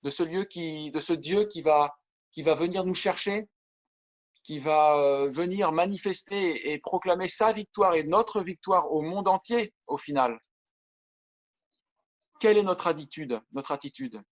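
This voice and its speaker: A pastor preaches by video with a fairly high voice, earnest and searching. He often restarts his phrases as he reads testimony aloud. The sound is dull and muffled. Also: measured pace. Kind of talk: video sermon.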